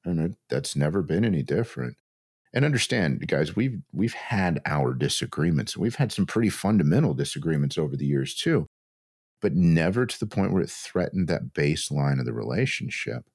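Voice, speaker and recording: A man's voice: a bass voice, sing-song, a little mellow, husky, no room sound, studio quality. A middle-aged man from the American Southwest co-hosting a casual talk show with his wife, speaking in a reflective, thoughtful way. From West Texas and New Mexico. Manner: reflective, slow and thoughtful, with restarts. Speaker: podcast co-host.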